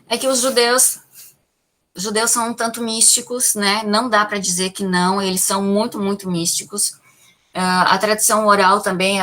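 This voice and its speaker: A Brazilian woman with a medium-pitched, slightly bright voice teaches a classroom Bible lesson with a Brazilian Portuguese accent. She explains patiently, asks the class questions and answers them herself, peppering her sentences with "tá?" and "né?".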